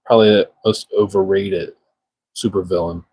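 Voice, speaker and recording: A man's voice: deep voice, steady tone, normal speed, darkish tone, husky. A man co-hosting a casual podcast chat, teasing and laughing often. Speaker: podcast co-host.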